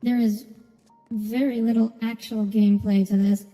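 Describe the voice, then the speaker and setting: Her voice sits on the high side, warm but flat in delivery, at a moderate pace, as she streams a game. Playing through a story quest, she moves between casual comments and reading the story text out loud. The audio is reverberant, with game music in the background.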